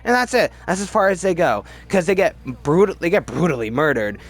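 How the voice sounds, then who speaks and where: Speaking a little fast in a fairly high, sing-song voice, a male host works through a film ranking with loose, opinionated commentary. He tends to ramble and often doubles up words for emphasis.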